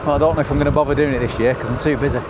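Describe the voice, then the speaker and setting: Rapid-fire speech in a mid-range, steady voice comes from a middle-aged northern English man vlogging while he cycles outdoors. His ride-along commentary is casual, chatty and upbeat, like a travel show host. The recording is noisy from wind and traffic.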